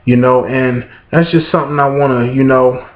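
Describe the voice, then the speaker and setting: A man's voice: mid-range voice, fairly even intonation, moderate pace. A man ranting into his camera, rambling and swearing constantly while checking in with his listeners. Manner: rambling, swears constantly, keeps asking "you know what I'm saying". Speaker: vlogger. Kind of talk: profane ranting monologue. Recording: roomy, dull lo-fi room sound.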